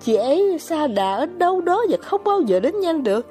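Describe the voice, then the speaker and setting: A high, wildly swinging girlish voice that is capricious and commanding, firing off urgent orders in an audiobook scene, as a woman reader puts her on. The tone stays mellow and soft-edged even at its sharpest. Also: normal speed, soft background music. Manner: urgent, bossy, near-shouting pleas. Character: young girl, feverish, capricious and commanding. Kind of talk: audiobook character voice.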